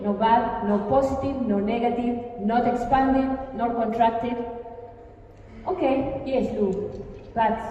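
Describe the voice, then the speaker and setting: A woman's voice: on the high side, slight background noise. Argentine woman speaking in an echoey hall. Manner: lively, engaging, asks the audience questions. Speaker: workshop speaker. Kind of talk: live stage talk. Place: large hall with a live audience. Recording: echoey hall, mic from a distance, dull sound, faint ambience.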